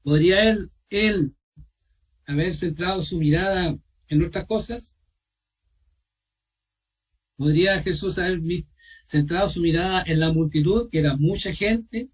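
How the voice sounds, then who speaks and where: High-voiced Chilean man leading online Bible study. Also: breathy edge, far from the mic, poor audio. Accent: Chilean Spanish. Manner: asks questions of the group, repeats himself, pauses with fillers. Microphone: video call.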